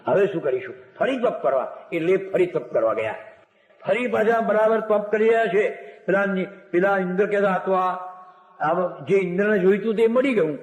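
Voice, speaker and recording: A high-voiced male storyteller preaching a devotional sermon. He narrates old legends, slips into the characters' voices and sings short verses. His voice rings out in a roomy hall with a long echo. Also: moderate pace. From Gujarat, India. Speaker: religious storyteller. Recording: echoey hall recording.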